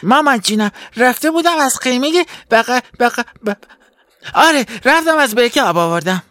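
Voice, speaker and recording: A man's voice: very high voice, expressive, a bit bright, no room sound, pitched above the performer's own voice, exaggerated voice. A man doing a stammering little girl. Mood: flustered. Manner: stammering, hurried. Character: young girl, nervous and stammering.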